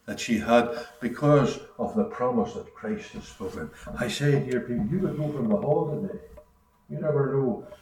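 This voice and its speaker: A man's voice: medium pitch, a little mellow, slight background noise. Preacher man in an echoey hall. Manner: earnest, repetitive preaching cadence. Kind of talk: sermon. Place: meeting hall. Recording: echoey hall, distant mic.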